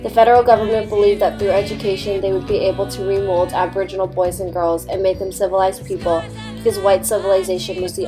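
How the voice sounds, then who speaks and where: Earnest young woman narrating over music. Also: mid-range voice. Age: young adult. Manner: earnest, read-aloud delivery. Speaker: student narrator. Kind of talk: scripted documentary narration. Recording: music bed under voice.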